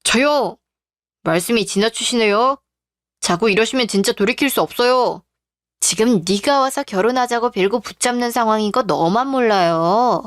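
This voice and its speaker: A woman's voice: on the high side, moderate pace, no room sound, clean studio sound, close to an everyday voice. Outspoken older sister, blunt and mocking, played by a woman. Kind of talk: Korean radio drama.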